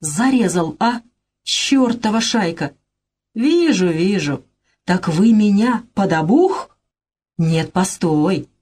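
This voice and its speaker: A woman's voice: mid-range voice, lively intonation, slow, a little mellow, husky. A woman doing a frantic, wailing male swindler. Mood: furious. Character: panicky scheming middle-aged male swindler.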